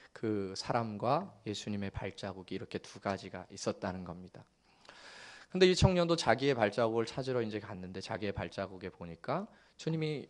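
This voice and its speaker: A male pastor in his forties preaching a Sunday sermon, telling family stories with hushed tender passages and bursts of laughter. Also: fairly low pitch. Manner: storytelling, shifting from hushed tenderness to excited laughter.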